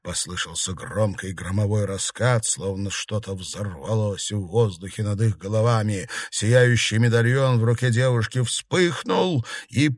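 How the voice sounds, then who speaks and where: A man reading an audiobook, narrating in a steady, measured way. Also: lowish voice, no room sound, studio quality. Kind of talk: scripted narration.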